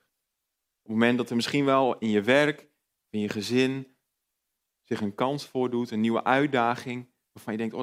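A man preaching a sermon in a conversational way. He asks his listeners direct questions, rises and gets louder on emphatic points, and drops soft on reflective ones. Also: on the low side.

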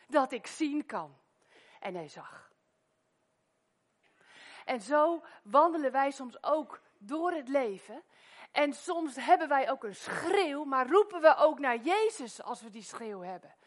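A middle-aged woman from the Netherlands preaching a sermon in a church, telling stories with loud exclamations and wearing a microphone. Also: sits high, measured pace. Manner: lively storytelling, loud exclamations, soft-spoken prayer. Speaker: guest preacher.

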